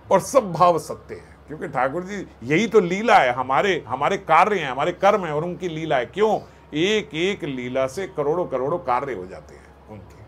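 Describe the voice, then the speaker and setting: Male katha preacher, slightly high, lively and playful storyteller. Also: husky. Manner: animated, acts out voices and jokes with the audience. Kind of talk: devotional katha sermon.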